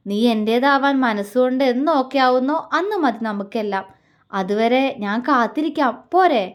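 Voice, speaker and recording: A woman's voice: a little high, expressive, normal speed, natural voice. A woman storyteller voicing a tender, playful young husband in a romance story. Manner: warm, playful, coaxing.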